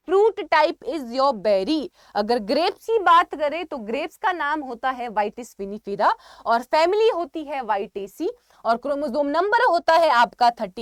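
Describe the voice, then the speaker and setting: An Indian woman teaching an online exam-prep class in a rather high voice. She talks students through each item, saying things twice and pronouncing scientific names slowly and clearly. The recording is close and dry, with no room sound. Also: no room sound. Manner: addresses students as "beta", repeats key points; reads scientific plant names aloud carefully.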